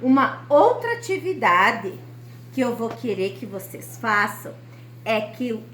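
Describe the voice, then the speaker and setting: A woman teacher, giving a recorded lesson to young children and explaining each step slowly and patiently. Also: on the high side, big pitch swings, fairly bright tone. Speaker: primary school teacher. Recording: echoey room, faint ambient noise.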